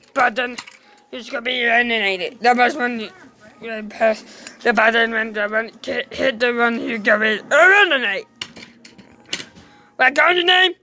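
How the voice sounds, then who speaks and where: A woman giving playful running commentary while playing, excitable and given to sudden squeals. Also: fairly high pitch, slight background noise. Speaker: channel host.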